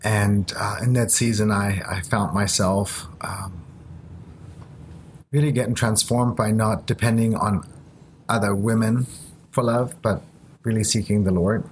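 A man born in Japan and raised in Germany, speaking English as his third language and sharing a halting, earnest testimony in casual conversation. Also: lowish voice, fairly even intonation, a little hiss or hum. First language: not English.

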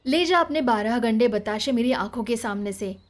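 Woman reading as a proud young lady of the house, curt and sharp, fairly high voice. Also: lively intonation, moderate pace, close to an everyday voice.

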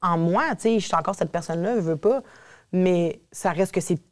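A woman, chatting in animated run-on sentences as a podcast guest. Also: on the low side, brisk. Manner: animated, run-on talk with fillers. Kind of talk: casual podcast conversation.

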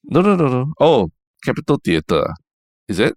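A man's voice: mid-range voice, big pitch swings, normal speed, dry recording, studio quality. A man with a Singaporean accent chatting casually as co-host of a podcast. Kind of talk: casual chat.

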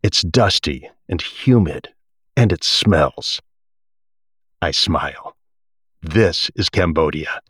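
A man with a very deep voice reads a memoir aloud like an audiobook. His delivery is measured and deliberate, and the sound is dry and close. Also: lively intonation, a bit bright, husky, dry recording. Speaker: actor reading a book aloud. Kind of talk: audiobook-like dramatic reading of a memoir.

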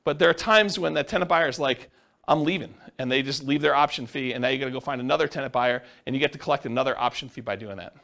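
A man's voice: medium pitch, very fast, vocal fry, hardly any pauses, bright, forceful tone. A man teaching a class, explaining step by step and asking the class questions. He says he is losing his voice. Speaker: real estate instructor.

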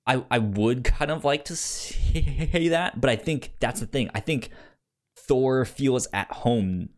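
In a casual podcast book discussion, a medium-pitched male co-host talks haltingly, frequently repeating sounds and words as he goes.

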